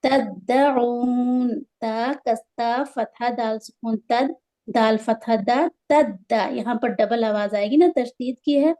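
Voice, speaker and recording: A woman gives a Quran recitation lesson in a mellow, warm voice that sits a little high. She spells letters and vowel marks one by one, chants verses slowly and draws them out, then explains each rule quickly. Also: fairly even intonation.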